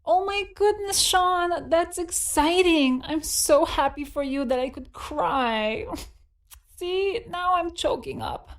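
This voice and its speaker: Woman doing a young woman talking to family, high voice, slow and careful. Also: lively intonation. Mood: delighted. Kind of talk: scripted dialogue for English lesson.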